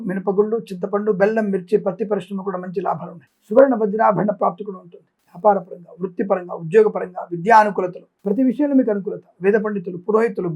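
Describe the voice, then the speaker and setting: Fast high-voiced astrologer man. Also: narrow, tinny audio. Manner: rapid listing of blessings, with sarcastic asides; preachy, moralizing. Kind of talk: weekly horoscope predictions.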